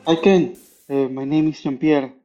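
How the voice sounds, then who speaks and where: A man from Peru leaving a recorded question for a podcast, halting and polite, with frequent pauses and fillers. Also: a little high, steady tone, dull audio, over loud music. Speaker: caller.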